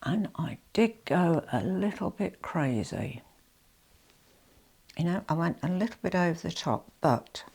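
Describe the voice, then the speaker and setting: In this handbag collection vlog, a woman nursing a head cold speaks in a low, breathy voice with vocal fry. She sounds nasal and rambles from one aside to the next, saying "you know" a lot and sometimes sinking into soft near-whispers.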